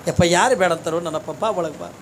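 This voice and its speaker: A preacher voicing a poor, devout village woman with a North Karnataka Kannada accent, speaking softly and humbly. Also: a little high, fast, a little hiss or hum, pitched below the performer's own voice, natural voice. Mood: humble, pleading.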